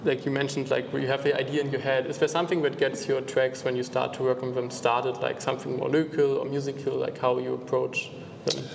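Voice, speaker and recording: A man's voice: level tone, a little fast, gravelly. A man interviewing a guest in English, asking hesitant questions filled with "like". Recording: distant mic, long reverb, rumble.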